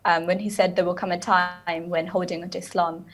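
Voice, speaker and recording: A woman's voice: on the low side, brisk, slight background noise. A woman from Bangladesh, a guest on a TV talk show, speaking thoughtfully and steadily over a video call. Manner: thoughtful, steady, uses Islamic phrases.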